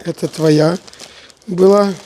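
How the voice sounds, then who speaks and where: A woman's voice: lowish voice, steady tone, slow, mellow, a little hiss or hum, rough recording. A woman with an Odessa Russian accent bantering casually as she cooks, playfully bossy and affectionate in a colloquial way. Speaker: home cook in a family food video. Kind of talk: casual banter while cooking.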